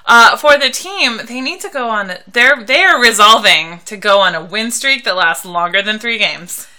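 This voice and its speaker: A woman's voice: a little high, lively intonation, moderate pace, bright, forceful tone. A woman co-hosting a podcast in casual, playful, teasing chat. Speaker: hockey podcast co-host.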